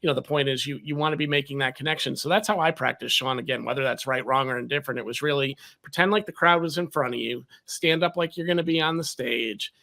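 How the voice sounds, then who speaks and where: A man hosting a podcast in casual conversation, talking in an animated way. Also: medium pitch, fast talker, creaky, hardly any pauses. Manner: animated, talks with his hands. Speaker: podcast host.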